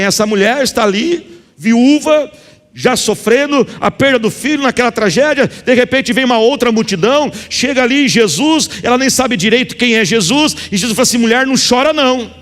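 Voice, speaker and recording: In a church sanctuary, a male pastor with a Brazilian Portuguese accent preaches a sermon, emphatically addressing the congregation directly. His voice is very high-pitched and fairly bright. The recording carries the reverberation of the church hall, with music in it.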